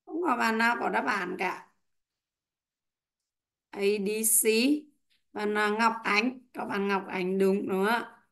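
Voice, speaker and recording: Slow, patient woman teacher on a call. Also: mid-range voice, gravelly, fairly bright tone. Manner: slow, patient, drills pronunciation word by word. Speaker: English teacher. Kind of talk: online class teaching. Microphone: headset or computer mic on a video call.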